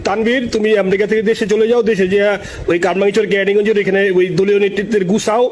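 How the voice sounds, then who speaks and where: A man's voice: high-pitched, flat delivery, racing, darkish tone. A Bangladeshi man talking over the phone in a deferential, effusive way, like a loyal supporter addressing a superior. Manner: deferential, effusive, constantly says a respectful address term. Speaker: party supporter calling a leader. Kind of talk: informal phone conversation. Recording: phone call with faint noise.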